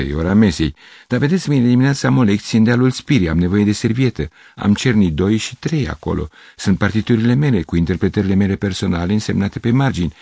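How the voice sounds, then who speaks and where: A man's voice: fairly low pitch, gravelly, a little mellow, no echo. A man voicing a fussy, flustered middle-aged male piano teacher who rambles and over-explains.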